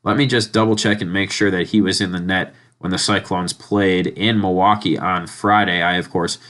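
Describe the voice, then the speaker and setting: A man's voice: low voice, steady tone, moderate pace, a bit bright. A man with a nasal voice, congested from a head cold, hosting a sports podcast with a conversational game recap.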